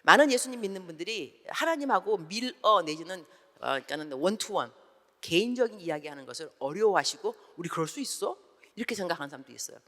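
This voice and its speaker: 재미교포 여성 선교사의 주일 설교로, 대화를 흉내 내며 이야기를 생생하게 풀어간다. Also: female voice, lowish voice, fast talker. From United States. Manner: animated storytelling, acts out dialogue. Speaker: missionary preacher. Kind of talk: sermon. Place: large church sanctuary. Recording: long church hall reverb.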